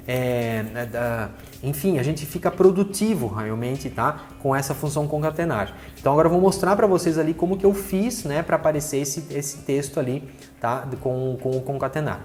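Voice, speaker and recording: A man's voice: on the high side, a little mellow. A man in his forties teaching a spreadsheet lesson over a screen recording, chatty, tossing in little fillers as he points at the screen. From Brazil. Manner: chatty, repeats fillers like "né" and "ó" while pointing things out. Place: small room with green backlight.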